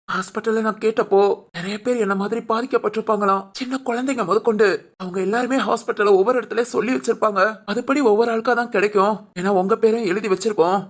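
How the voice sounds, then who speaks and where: A performer voicing a gravely ill young man in an animated family drama, who speaks gently and with resignation. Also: mid-range voice, lightly acted. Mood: resigned.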